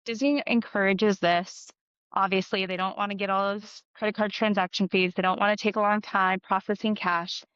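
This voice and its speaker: A woman's voice: mid-range voice, fairly even intonation, normal speed, a bit bright, smooth, no room sound. A woman in her thirties, a podcast co-host, chatting casually and giving practical tips with frequent ums. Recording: dull dry podcast audio.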